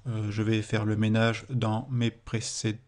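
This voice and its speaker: A man's voice: lowish voice, monotone, unhurried, slight background noise. A man with a French accent, explaining a computing exercise in a screen-recorded tutorial, with hesitations and self-corrections. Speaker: teacher.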